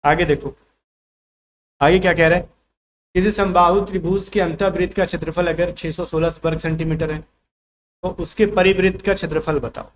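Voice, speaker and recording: Male math tutor, slightly higher voice, casual step-by-step explainer, faint background hiss. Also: fairly even intonation, normal speed, long pauses. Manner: casual Hindi-English mix, talks through working step by step. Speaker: math teacher. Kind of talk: online exam-prep math class.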